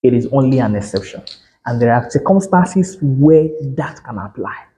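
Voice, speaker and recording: Male instructor with a mellow voice, lecturing realtors in a chatty, emphatic way that keeps correcting itself. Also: mid-range voice, expressive, moderate pace, slight background noise, low-quality recording. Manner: conversational, self-correcting, emphatic. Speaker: real estate instructor.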